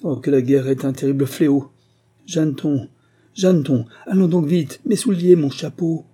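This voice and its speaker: A man reading aloud, voicing a distraught, fussy old village priest in a dark, husky voice. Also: medium pitch, fairly even intonation, moderate pace, lightly acted. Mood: agitated. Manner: agitated, exclaiming.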